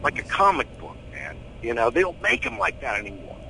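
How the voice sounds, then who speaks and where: A middle-aged American man chatting casually in an interview, animated, opinionated and full of slang. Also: mid-range voice, brisk, gravelly, a little hiss or hum, poor audio. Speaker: horror host being interviewed.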